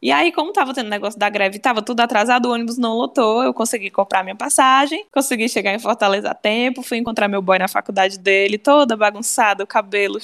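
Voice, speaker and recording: A young woman with a Cearense Brazilian accent, telling a story in casual chat and acting out the dialogue. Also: a little high. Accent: Cearense Brazilian Portuguese. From Ceará, Brazil. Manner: animated, acts out dialogue, fast. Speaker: storyteller guest.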